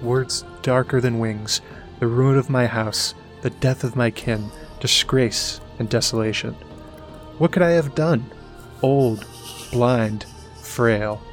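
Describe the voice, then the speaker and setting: A man reads out a blind, ancient maester worn down by long years, speaking in a slow, grave and sorrowful way. The voice sits at an ordinary middle pitch, and soft music plays faintly underneath. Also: natural voice. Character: ancient blind frail old male maester, weary.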